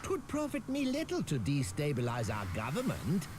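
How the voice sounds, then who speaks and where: A man's voice: fairly high pitch, wildly swooping pitch, normal speed, noisy background. A man playing a smug, scheming merchant magnate in a video game, with a pompous, oily grand-vizier delivery and archaic, formal phrasing. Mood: smug, self-assured. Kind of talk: scripted game dialogue, archaic formal diction. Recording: music behind the voice.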